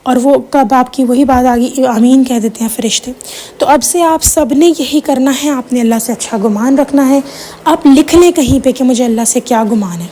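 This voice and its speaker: A woman's voice: sits high, mellow, a little hiss or hum. A woman giving an informal religious talk to her viewers, chatty and personal, slipping English words in as she tells stories. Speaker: religious teacher.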